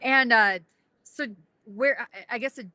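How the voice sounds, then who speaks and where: A woman's voice: a little high, a little slow, sharp tone, no echo. A woman with a South Dakota accent hosting a casual podcast interview in an upbeat, chatty way. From South Dakota, USA.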